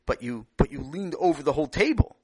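A man's voice: fairly high pitch, expressive, fast, a little mellow, slightly rough. A man voicing a patient father who explains table manners to his son. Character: patient, lecturing father of a young boy.

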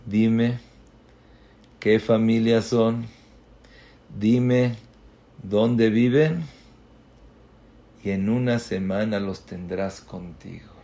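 A man voicing a kind king in a sermon story, speaking calmly and assuringly. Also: lowish voice, drawn-out words, long pauses.

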